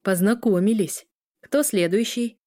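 A woman's voice: medium pitch, a little slow, dark tone, no echo, studio quality, close to an everyday voice. A woman voicing a playful young man who teases the others with laughing jabs. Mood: teasing.

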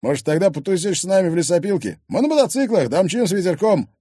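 A man reading an audiobook, voicing a brash red-haired young biker thug who taunts loudly. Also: high voice, big pitch swings, quick pace, husky, dry recording, clean studio sound, voice pushed up, exaggerated voice. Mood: taunting. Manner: cocky, loud, taunting.

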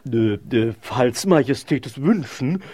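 A sardonic, stiffly formal castle steward in a radio play, with a somewhat husky, lively voice recorded dry. His courteous phrasing carries a dry sarcasm. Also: mid-range voice, unhurried, no echo.

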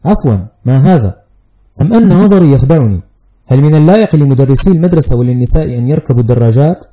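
A man's voice: mid-range voice, lively intonation, very fast, warm tone, close to an everyday voice. A man voicing a fussy, fearful older male schoolteacher who lectures anxiously and primly, in an audiobook reading. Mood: alarmed.

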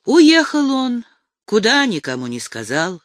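A man's voice: high voice, measured pace, no echo, studio quality. A man narrating a novel expressively as an audiobook reader. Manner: expressive, voices each character. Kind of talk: dramatic scripted narration.

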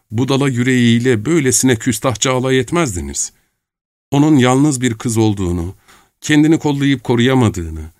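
A man's voice: mid-range voice, a little mellow, no room sound, studio quality, voice pushed up, natural voice. A man reading a novel aloud, voicing a distraught young woman who pleads emotionally in a raised voice. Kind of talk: audiobook character reading.

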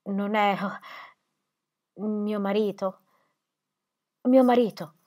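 A woman's voice: mid-range voice, measured pace, darkish tone, lightly acted. A woman reading an audiobook, voicing a fragile young widowed mother who speaks weakly and imploringly. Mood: bewildered. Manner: weak, imploring.

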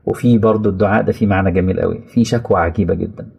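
A man with an Egyptian accent preaching a colloquial sermon, moving between slow, quiet reflection and high, pleading acted quotes. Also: fairly even intonation, creaky, breathy edge. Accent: Egyptian Arabic. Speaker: Islamic preacher.

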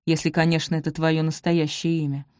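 Female reader as a wounded young nobleman: low, hushed, icy, dry close sound. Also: flat delivery, brisk, no echo, close to an everyday voice. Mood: cold, quiet. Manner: quiet and cold, flaring into shouts. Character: young gentleman, hurt and coldly angry.

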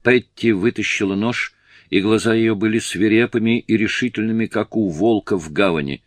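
A man reading a novel aloud in steady, measured audiobook narration. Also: fairly low pitch, dry recording. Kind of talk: scripted narration.

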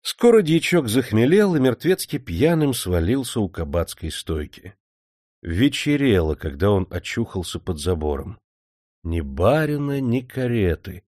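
A man narrating an audiobook, reading expressively and lifting his voice for lively dialogue. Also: unhurried, dry recording, clean studio sound. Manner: animated, raises pitch for excited dialogue.

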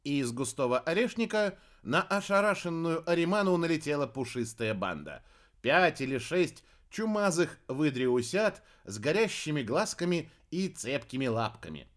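A man narrating a children's fantasy audiobook. His delivery is expressive and animated, with a lively, swinging pitch. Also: normal speed. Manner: expressive storytelling. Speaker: audiobook reader. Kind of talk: scripted narration.

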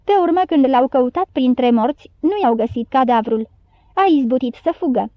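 A woman's voice: high voice, no room sound, lo-fi sound, lightly acted. A woman voicing a bold, cheeky street boy in a storybook reading. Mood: telling. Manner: cheeky, shouting.

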